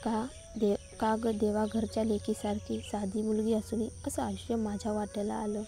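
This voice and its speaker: A woman's voice: mid-range voice, monotone, moderate pace, mellow, close to an everyday voice. A woman voicing a young pregnant college student, hurt and tearful, speaking in a sorrowful, pleading way.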